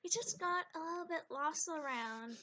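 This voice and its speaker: A woman voicing her tabletop game character, a polite adventurer calming frightened servants in a soothing, courteous manner. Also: extremely high pitch, moderate pace. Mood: apologetic, soothing.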